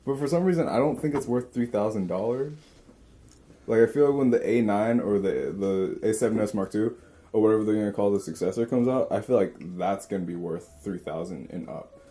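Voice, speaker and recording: A young man co-hosting a casual chat about cameras, talking in a rambling, halting way with crude asides. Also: lowish voice, dark tone. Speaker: co-host.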